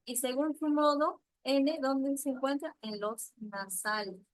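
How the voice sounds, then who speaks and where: A woman teacher leading an online class, patiently asking questions and repeating answers slowly over a video call. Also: high voice, steady tone, no room sound, poor audio.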